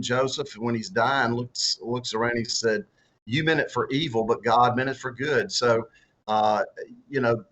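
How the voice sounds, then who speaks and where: A middle-aged man from the Deep South of the US, with a strong Southern accent, answers interview questions about faith and leadership. He's an author and former political candidate who stumbles, repeats words, and uses many fillers. His medium-pitched voice is a bit bright, and the recording is low quality.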